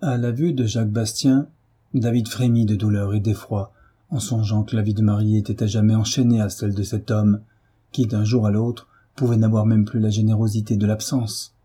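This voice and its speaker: A man narrating a classic novel as an audiobook in a measured, literary way. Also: lowish voice, little pitch movement, warm tone, breathy edge.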